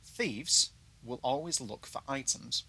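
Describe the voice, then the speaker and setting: A British man walks through a video game with casual, chatty, self-deprecating commentary, using glottal stops in place of his T's. His medium-pitched voice is expressive, slow, bright and forceful, a little rough, captured in a low-quality recording with noticeable background noise.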